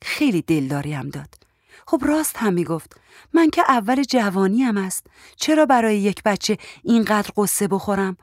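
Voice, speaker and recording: A woman's voice: mid-range voice, dry recording, studio quality. A woman reading a story aloud in the first person, in a conversational, plainspoken telling. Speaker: audiobook reader.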